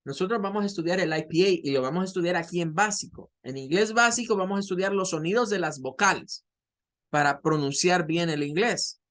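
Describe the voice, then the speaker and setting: A man's voice: high voice, fairly bright tone. Man teaching an online class. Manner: explains patiently, models sounds slowly. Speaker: English teacher.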